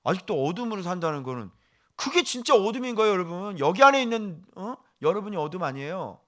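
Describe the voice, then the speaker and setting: A male pastor preaching a sermon, animated and firing questions at the congregation, dropping to a hush for asides. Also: sits high, fast talker.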